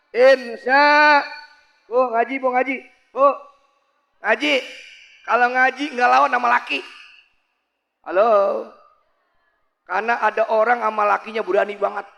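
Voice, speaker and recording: A man's voice: very high voice, gravelly, sharp tone, long reverb tail. A man preaching a comic sermon at a mosque gathering, joking and acting out the voices of wives and flight attendants.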